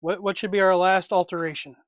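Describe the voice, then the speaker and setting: A man's voice: sits high, steady tone, fairly quick, no echo, studio quality. Man muttering while he works. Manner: rambling, talks to himself as he works. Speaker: livestream host. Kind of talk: casual live chat while swapping figure parts.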